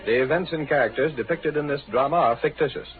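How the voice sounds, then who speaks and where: An actor as a solemn announcer, reading formally in 1930s radio style. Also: male voice, fairly high pitch, fast, narrow, tinny audio, close to an everyday voice. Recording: thin old radio recording. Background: music.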